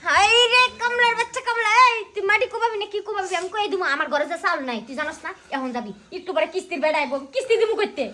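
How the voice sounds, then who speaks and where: A shrill scolding village wife. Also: female voice, expressive, racing, few pauses. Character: sharp-tongued scolding poor village wife. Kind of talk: short film acting.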